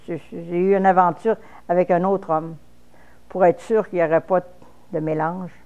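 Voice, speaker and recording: A woman in her fifties from Quebec, Canada, speaks frankly in a personal interview with a Québécois French accent. Her voice is fairly low and dark, captured with lo-fi sound, and she makes false starts along the way.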